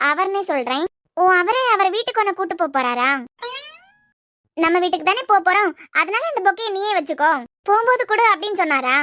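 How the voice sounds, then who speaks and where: A woman's voice: very high-pitched, fairly bright tone, dry recording, studio quality. A woman with a Kanyakumari Tamil accent, voicing a teasing, blunt young female friend in a cartoon series. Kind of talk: cartoon web-series voice acting.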